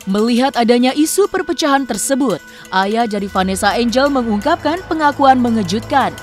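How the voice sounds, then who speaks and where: A woman narrating a celebrity gossip news report in a steady, formal read. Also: a little high, normal speed. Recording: voice-over with background music.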